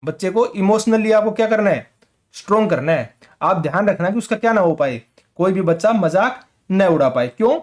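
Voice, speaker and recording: A man's voice: high-pitched, expressive, normal speed, a little mellow. A man teaching an exam-prep lecture in colloquial Hindi with a rural North Indian accent, mixing in English terms and often checking in with "ठीक है?". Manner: conversational, keeps asking "ठीक है?".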